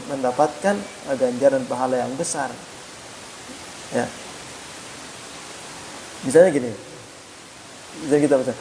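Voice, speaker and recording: A man giving a mosque study lecture, chatty and addressing listeners as sir, saying "ya" after nearly every phrase and slowly demonstrating Arabic letter sounds. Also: on the high side, a little mellow, slight background noise, poor audio. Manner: punctuates phrases with a frequent "ya"; conversational, addresses listeners as "Pak". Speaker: Islamic teacher.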